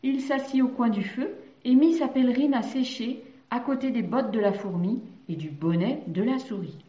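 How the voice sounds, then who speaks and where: A woman narrating a children's story gently. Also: fairly high pitch, normal speed. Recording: roomy echoey recording.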